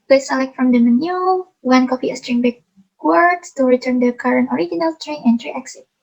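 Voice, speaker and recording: A young woman from Indonesia presenting a class coding project, in halting, simply phrased speech. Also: high-pitched, creaky, darkish tone, lo-fi sound. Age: young adult. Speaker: student presenter.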